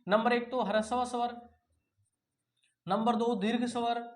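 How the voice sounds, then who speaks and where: A man's voice: extremely high pitch, little pitch movement, a little slow. Male Hindi tutor for exam prep, repetitive, rhetorical question-and-answer teaching, familiar with students. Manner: repeats key words, asks and answers his own questions; addresses students familiarly as son and brother. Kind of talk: exam-prep grammar lesson.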